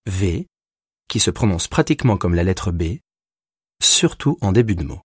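A man narrating a recorded language lesson, explaining grammar rules with slow, deliberate pauses between words. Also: sits low, expressive, breathy edge, dry recording, studio quality. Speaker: language teacher.

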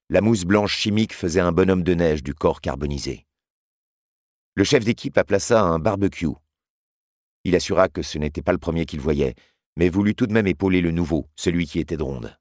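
Deep-voiced man narrating gravely. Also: a little mellow, dry recording, studio quality. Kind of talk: scripted audiobook narration.

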